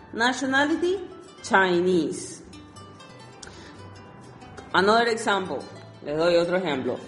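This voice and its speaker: A woman teaching English to Spanish speakers, explaining exercises and reading each word slowly twice. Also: on the low side, echoey room, long reverb tail. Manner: switches between Spanish and English, reads words slowly twice. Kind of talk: recorded lesson explaining exercises.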